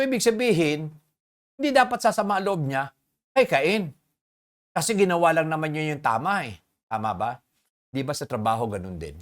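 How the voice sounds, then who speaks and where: A preacher giving a sermon, who keeps asking the congregation questions, mixes English phrases into the talk and reads scripture slowly and with emphasis. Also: mid-range voice. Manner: asks the congregation rhetorical questions.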